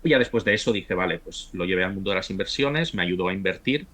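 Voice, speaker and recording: This man speaks quickly in a low, slightly bright voice with a breathy edge and lively intonation. A university professor from Italy in his forties, Italian by first language, he rambles as an interview guest in a casual conversation, often tripping over words and starting over.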